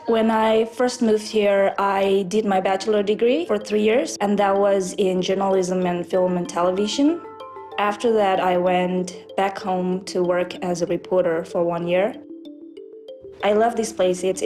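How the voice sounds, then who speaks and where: A woman's voice: mid-range voice, fairly even intonation, measured pace, mellow, soft background music. A young woman from Indonesia, talking about her life in a personal documentary interview, chatty and a little hesitant. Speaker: featured resident.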